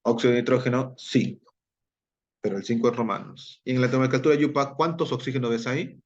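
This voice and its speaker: A man's voice: medium pitch, fairly even intonation, brisk, muffled recording. A man teaching a chemistry lesson, explaining step by step, repeating key terms and checking in with his students.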